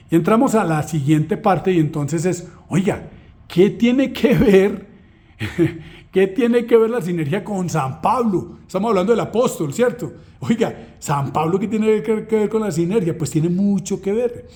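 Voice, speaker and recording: Chatty man, mellow voice. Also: on the high side. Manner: conversational, self-deprecating, asks rhetorical questions. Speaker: trainer presenting a course unit. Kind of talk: explanatory lesson walkthrough.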